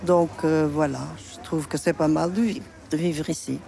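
A woman's voice: sits low, steady tone, moderate pace, creaky, mellow, a little hiss or hum. An older woman of Portuguese origin answering interview questions in a frank, plain-spoken way. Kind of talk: street interview.

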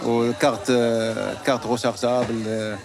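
A man from Morocco speaks in a halting way, breaking off to search for the right words. Music plays clearly beneath his answers throughout. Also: mid-range voice, level tone, a crowd in the background. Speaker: interviewee. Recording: music playing under the voice.

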